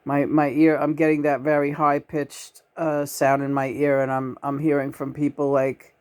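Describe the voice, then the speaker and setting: Halting, reflective woman hosting a chat. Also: low-pitched, flat delivery, a little mellow, clear, resonant tone. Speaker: host and channeler.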